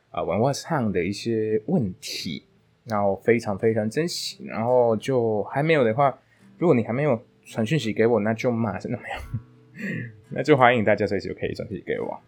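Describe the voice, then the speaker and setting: A man's voice: on the low side, a little mellow. A man hosting a podcast language lesson, chatting loosely with many fillers. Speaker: Spanish teacher, podcast host. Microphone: podcast microphone.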